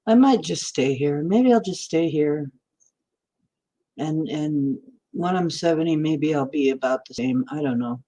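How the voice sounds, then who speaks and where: A woman in her sixties hosts a rambling livestream chat, wandering from topic to topic while answering viewers' comments. She speaks at a measured pace in a low, dark voice.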